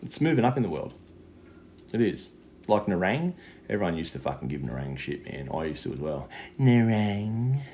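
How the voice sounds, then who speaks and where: This time his tone is a rumbling, slightly mellow low, and he talks a bit quickly. It's a livestream of psychic readings, delivered in a chummy, slang-heavy, sweary style, recorded clearly with noise in the background.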